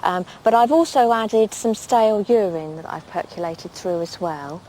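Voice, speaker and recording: A woman's voice: medium pitch, moderate pace, warm tone, a little hiss or hum, poor audio. A woman historian demonstrating objects and explaining them in a practical, matter-of-fact way.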